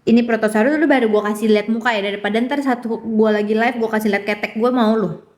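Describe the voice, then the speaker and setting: Chatting on a phone live stream, a Jakarta-accented woman influencer teases her audience and keeps saying words again and again to test how they're pronounced. Her fairly high voice is a little mellow, fast, with fairly even intonation.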